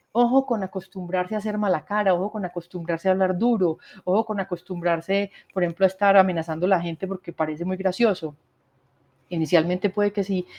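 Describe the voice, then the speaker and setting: A woman's voice: lowish voice, a little mellow, highs cut off. A woman gives a workshop talk on communication, explaining step by step and asking rhetorical questions. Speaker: workshop speaker.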